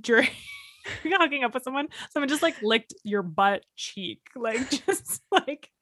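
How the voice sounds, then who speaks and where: A woman's voice: sits high, animated, unhurried, a bit bright, slight background noise. A woman co-hosting a casual podcast chat, rambling with many fillers and laughing often. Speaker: podcast co-host.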